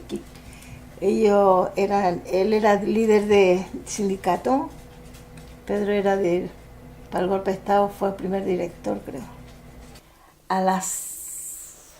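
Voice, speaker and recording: Older Chilean woman giving halting testimony. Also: medium pitch, gravelly, a little mellow, a little hiss or hum. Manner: halting, with frequent restarts. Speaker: interviewee. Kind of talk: personal testimony for a documentary.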